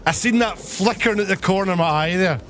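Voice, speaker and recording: Man streamer spinning a crude, animated yarn; voice sits a bit high, with quiet music underneath. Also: fast talker. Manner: crude and heavy on swearing, animated retelling. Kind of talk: casual storytelling on a live stream.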